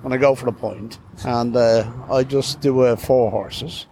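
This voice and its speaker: An older-sounding Irish man chatting casually in an interview in a halting, rambling way. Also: medium pitch, fairly even intonation, warm tone, a little hiss or hum. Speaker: street interviewee, bettor. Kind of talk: casual chat.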